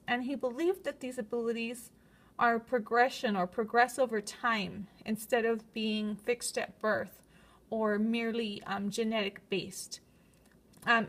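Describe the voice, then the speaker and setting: Woman with braces and a slight lisp. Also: a little high. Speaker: psychology student presenting. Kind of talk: prepared spoken presentation, semi-scripted.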